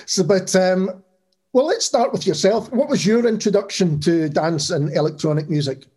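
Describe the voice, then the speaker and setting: Friendly male podcast host, mellow tone. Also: high voice, normal speed, breathy edge. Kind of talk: interview hosting.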